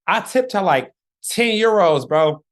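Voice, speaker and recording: A man's voice: high-pitched, expressive, measured pace. A man co-hosting a podcast, telling stories in a laid-back way and saying "bro" a lot. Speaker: podcast co-host. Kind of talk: casual podcast chat.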